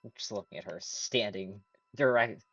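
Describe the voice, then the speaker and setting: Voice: low voice, normal speed, a bit bright, slightly rough, dry recording, highs cut off. A playful, chatty streamer giving casual commentary on a game.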